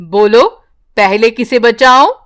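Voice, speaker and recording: A woman voicing a friendly, protective male magic tree in an animated bedtime story, speaking slowly and kindly. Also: on the high side.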